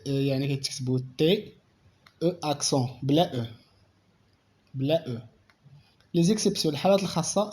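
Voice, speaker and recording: A Moroccan man teaching a French grammar lesson, explaining slowly and repeating each word. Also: fairly high pitch, mellow, a little hiss or hum. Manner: slow, repetitive explanation, reading French aloud.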